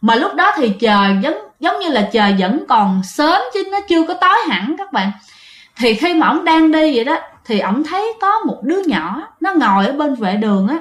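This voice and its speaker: A woman's voice: high voice, very animated, normal speed. A woman telling a ghost story casually, chatting to her listeners and often restarting her sentences. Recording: roomy echo.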